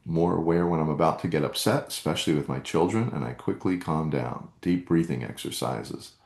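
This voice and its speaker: A man's voice: extremely low pitch, brisk, creaky, a little mellow, echoey room. A man hosting a live meditation workshop, coaching earnestly and reading out chat comments.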